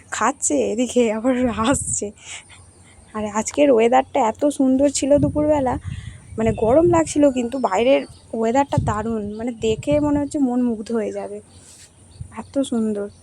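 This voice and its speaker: A woman's voice: fairly high pitch, normal speed, creaky, warm tone, slight background noise. A young woman with a West Bengal Bengali accent, narrating her daily vlog in a chatty, homely way. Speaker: vlogger.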